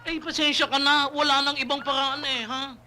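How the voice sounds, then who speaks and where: A man's voice: very high voice, little pitch movement, normal speed, bright, forceful tone, slight background noise, exaggerated voice. An actor playing a bumbling man who rescues a woman and then apologizes in a slapstick film comedy. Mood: apologetic. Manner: flustered, apologetic. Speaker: film character. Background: film score music.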